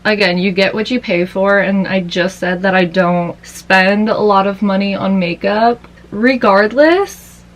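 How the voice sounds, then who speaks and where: A woman's voice: mid-range voice, little pitch movement, moderate pace, hardly any pauses, low-quality recording. A tired young woman chatting her way through a makeup routine after an all-nighter, rambling casually. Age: young adult. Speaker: vlogger. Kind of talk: casual makeup vlog chat.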